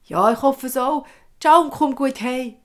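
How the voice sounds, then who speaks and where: A woman's voice: high-pitched, unhurried, voice pushed up. A woman voicing a brave young boy in a fairy tale, talking earnestly, with a Swiss German accent.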